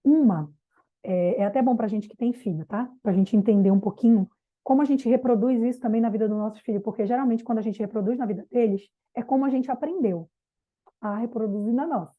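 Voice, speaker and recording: Middle-aged woman, women's mentor, breathy and a touch high, plain-spoken with mild slang, thin phone-quality sound. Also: a little fast. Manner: casual and direct, addressing listeners, with mild slang. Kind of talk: motivational talk to a group. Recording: tinny phone-like audio.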